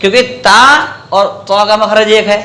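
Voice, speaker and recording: A male Quran recitation teacher with a high, bright voice leads a classroom lesson, asking questions and repeating the answers back. He draws the sounds out slowly when he demonstrates them. The room rings with echo. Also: little pitch movement. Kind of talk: classroom tajweed lesson with call-and-response.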